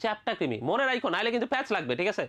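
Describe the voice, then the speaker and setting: Fast bangladeshi biology tutor, super bouncy voice, keeps asking the class stuff and answering it himself. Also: medium pitch, big pitch swings, fairly bright tone. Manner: repeats questions and answers them, checks in constantly; colloquial, playful asides. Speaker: biology teacher. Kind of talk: medical admission lecture.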